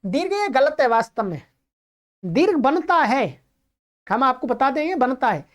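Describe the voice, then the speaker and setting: High-voiced woman teaching Sanskrit grammar. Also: very animated. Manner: explanatory, checks in with listeners often; slows down to recite grammar rules. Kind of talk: online lecture.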